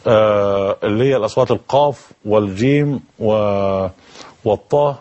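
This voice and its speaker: A man, a guest scholar explaining in a lecturing way, often pausing and restarting words. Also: fairly low pitch, darkish tone, dull audio.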